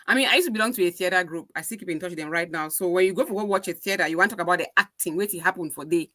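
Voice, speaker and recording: A woman with broadcasting training chats casually on a podcast, voicing strong opinions and slipping pidgin into her English. Her voice is lowish and sharp, and she talks very fast. The recording is studio quality with no room sound.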